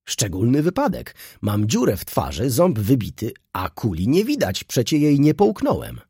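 A man reading an audiobook, voicing a vain, flustered baron who talks in a shrill, blustering way. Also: sing-song, a little slow, vocal fry, a little mellow, breathy edge, dry recording, clean studio sound, exaggerated voice. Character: flustered vain middle-aged male baron, shrill when hurt.

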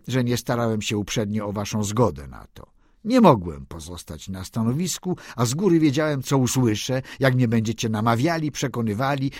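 A man's voice: medium pitch, darkish tone, slightly rough, no echo, studio quality. A man reading a classic novel aloud as an audiobook, narrating a first-person diary with passion.

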